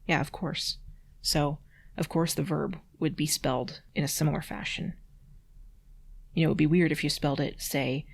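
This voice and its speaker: A low-pitched woman, her voice carrying vocal fry and a breathy edge, hosts and reads aloud awkward text with measured care. Dry, sarcastic asides interrupt the reading between passages.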